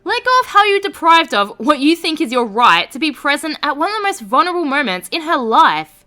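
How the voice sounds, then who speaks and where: A woman narrator reading online stories aloud and adding sarcastic, expressive commentary. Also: high voice, fairly quick, soft background music.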